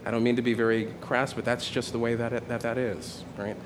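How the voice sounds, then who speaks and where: A pastor in his forties delivers a sermon in a loose, conversational way, starting phrases over and checking in with the room as he goes. His voice sits at an ordinary middle pitch for a man. A faint noise runs underneath. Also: flat delivery, brisk. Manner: conversational, repeats "right?" often, many restarts.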